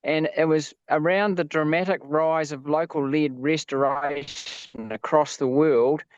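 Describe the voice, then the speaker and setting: A man's voice: fairly high pitch, steady tone, measured pace, dry recording. A man in his fifties with a New Zealand accent, a farmer reading out a formal submission over a video call whose audio turns buzzy and glitchy and breaks up. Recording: dull lo-fi remote call line, dry.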